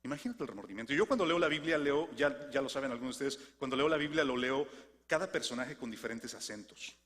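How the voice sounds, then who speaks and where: A man with a Mexican Spanish accent preaching a sermon, swinging from lively questions to soft, low emphasis. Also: fast talker. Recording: long hall reverb.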